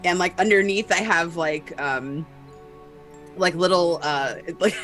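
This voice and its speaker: A woman's voice: lowish voice, takes it slowly, a bit bright, faint music behind. A woman playing a tabletop game, giggly and theatrical as she hams up her character's lines. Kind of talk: playful in-character roleplay.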